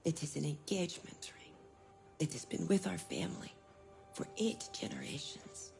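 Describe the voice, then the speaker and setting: A woman playing a long-suffering, protective mother in a video game drama, with a breathy voice and careful, formal phrasing. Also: fairly high pitch, big pitch swings, normal speed, soft background music. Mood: tender, hushed. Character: gentle but defiant, long-suffering mother and wife.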